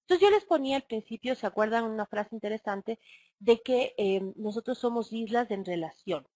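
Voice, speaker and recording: A woman's voice: a little high, expressive, moderate pace, dark tone, no room sound. A woman with an Ecuadorian Spanish accent giving a recorded online lecture on family counseling, explaining and addressing listeners with rhetorical questions. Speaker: webinar speaker on family counseling.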